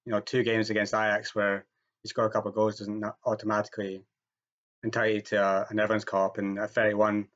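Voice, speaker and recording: A man co-hosting a podcast, giving measured, opinionated takes on football in a casual discussion. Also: fairly low pitch, lo-fi sound. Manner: measured, opinionated, steady delivery. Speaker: podcast co-host, football pundit.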